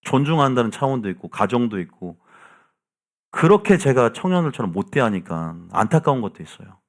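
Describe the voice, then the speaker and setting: A male pastor preaching a sermon from the pulpit, shifting from soft asides to loud, emphatic calls to the congregation. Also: medium pitch, big pitch swings, brisk. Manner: asks the congregation "믿습니까?" again and again. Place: church sanctuary, from the pulpit.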